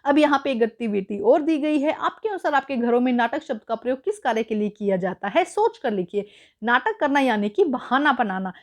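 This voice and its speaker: A woman teacher walks students through a school worksheet, patient and explanatory, slipping English words into her talk. Her voice is high. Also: expressive, a little fast.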